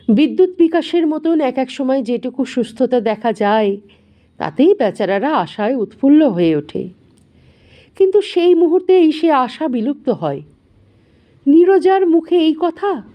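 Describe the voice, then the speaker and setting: A woman narrating an audio story in an expressive, dramatic reading. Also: high voice.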